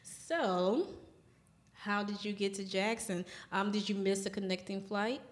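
A woman's voice: mid-range voice, a little slow, echoey room. A woman hosting a podcast, chatting casually in a wry, joking way. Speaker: podcast host. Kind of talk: casual chat.

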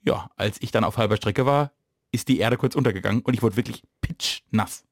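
A man's voice: fairly low pitch, a little fast, no room sound, studio quality. A man co-hosting a podcast in casual comedic chat, rambling and playful, often trailing off mid-sentence. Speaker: podcast co-host.

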